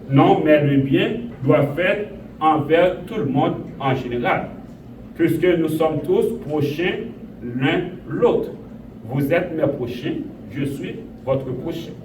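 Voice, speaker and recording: Pastor, man from Haiti, slow repetitive preaching, echoey and off-mic. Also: a little high. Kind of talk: sermon. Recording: echoey room, voice from a distance, audible noise.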